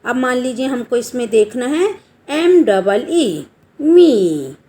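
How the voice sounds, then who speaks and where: A woman teacher giving a grammar lesson to children, spelling out letters slowly and quizzing her students. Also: a little high, lively intonation, mellow.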